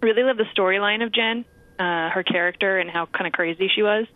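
A woman's voice: mid-range voice, a little fast, no echo. A woman being interviewed as a guest actress and comedian, speaking candidly and laughing easily. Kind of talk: casual interview chat. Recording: tinny phone line.

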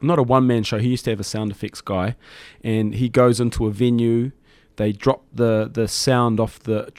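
A man's voice: medium pitch, little pitch movement, normal speed, darkish tone, smooth, dry recording. A middle-aged man speaks with a broad New Zealand accent. He chats casually as an interview guest, with loose, rambling phrasing. The sound is dry, with no room around the voice. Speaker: hip-hop DJ and MC, interview guest. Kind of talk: casual studio interview chat. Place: studio.

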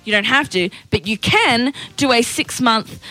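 Bright chatty woman on radio. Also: fairly high pitch, animated, unhurried, no room sound. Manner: chatty, opinionated, lots of fillers. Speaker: radio breakfast co-host. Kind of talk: casual radio banter.

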